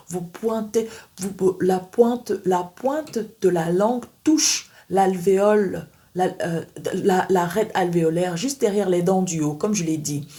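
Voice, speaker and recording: Woman, pronunciation teacher, slow deliberate delivery, dark mellow tone, repeats drills. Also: lowish voice. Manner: repeats sounds and words for practice, addresses viewer directly. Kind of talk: slow instructional lesson with drilled examples.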